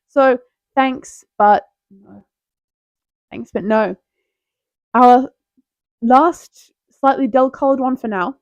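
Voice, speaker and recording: A young woman hosting a casual, rambling tier list video, playful and quick to interrupt herself with jokes. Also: fairly high pitch, darkish tone, no room sound. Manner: playful, self-interrupting, jokey.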